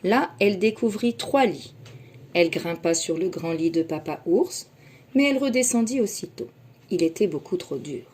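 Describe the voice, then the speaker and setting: A kindergarten teacher, a woman, reading a children's story aloud slowly and expressively. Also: fairly low pitch, animated, darkish tone, slight background noise.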